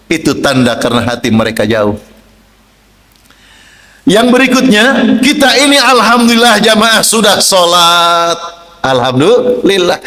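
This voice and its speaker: Male preacher, high bright voice, echoey room; dynamic sermon delivery, soft asides to loud calls. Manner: chants Quranic verses slowly.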